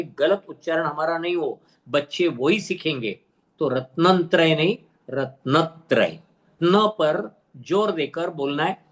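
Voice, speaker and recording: A man leading an online teacher-training lesson. He explains step by step, asks and answers his own questions, and drills careful pronunciation. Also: fairly high pitch. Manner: drills careful pronunciation, repeating words slowly. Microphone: video call.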